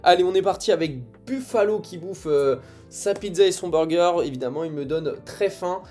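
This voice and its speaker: Excited young man opening card packs. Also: sits high, normal speed, soft background music. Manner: excited, reacting card by card with frequent "ok, d'accord". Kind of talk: casual pack-opening commentary.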